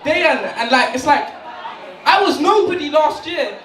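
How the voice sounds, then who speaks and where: High-voiced young comedian on stage. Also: male voice, expressive, unhurried, distant mic, noisy background. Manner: playful, laughing, shouting to the crowd. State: a bit tipsy. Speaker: stand-up comedian. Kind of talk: stand-up comedy set. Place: stage in a large hall with audience. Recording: echoey hall, mic picked up from afar, loud crowd. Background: audience laughter and cheers.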